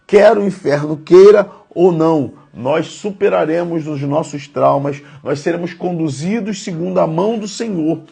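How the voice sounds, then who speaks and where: A man's voice: a little high, normal speed, creaky, few pauses, mellow, slightly rough. A man in his thirties giving a conversational, earnest devotional sermon, speaking directly to his listeners. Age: 30s. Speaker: preacher.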